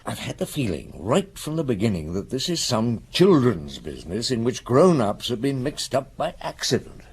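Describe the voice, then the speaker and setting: An actor playing a patient middle-aged chief inspector in a radio drama, questioning deliberately and kindly. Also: male voice, mid-range voice, very animated, slightly rough, heavily acted. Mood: pondering. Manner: questioning, deliberate, gently coaxing. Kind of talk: naturalistic radio drama acting.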